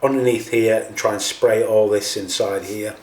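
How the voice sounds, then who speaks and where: Low-voiced man in a roomy, distant recording. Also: fairly even intonation, moderate pace, darkish tone. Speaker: host of a scale model painting tutorial. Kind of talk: casual hands-on tutorial talk. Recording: roomy, distant mic, faint noise.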